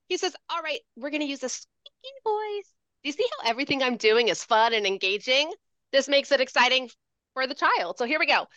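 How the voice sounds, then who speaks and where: A woman educator giving a playful, animated handwriting demonstration over a video call, calling out strokes in a sing-song teacher voice. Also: a little high, no room sound, lo-fi sound.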